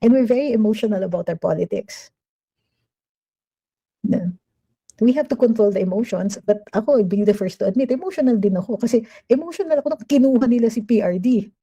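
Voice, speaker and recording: Very dark-voiced woman commentator. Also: fairly high pitch, animated, brisk, slightly rough. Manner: chatty, mixing Tagalog and English, emphatic. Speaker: political commentator reading viewer comments. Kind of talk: livestream commentary.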